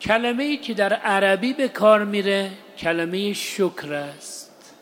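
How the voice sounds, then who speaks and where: A man with a fairly high voice teaches a religious lesson in short, measured phrases, pausing often and putting rhetorical questions to his listeners. He recites Arabic phrases slowly and deliberately. His voice rings out with a long reverb, as if in a large hall. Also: fairly bright tone, a little hiss or hum. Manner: asks the audience rhetorical questions.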